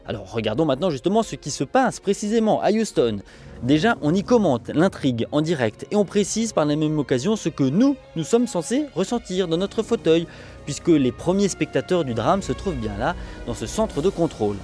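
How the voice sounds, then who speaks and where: A man's voice: on the high side, expressive, moderate pace, darkish tone, faint music behind. A man giving scripted film-essay narration in a didactic, wryly humorous way.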